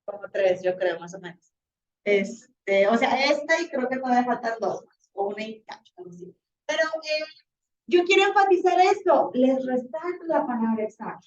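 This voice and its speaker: A woman teacher, slightly hoarse, lecturing a class in a chatty, animated way with many fillers. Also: fairly high pitch, moderate pace. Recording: roomy, distant, dull classroom recording.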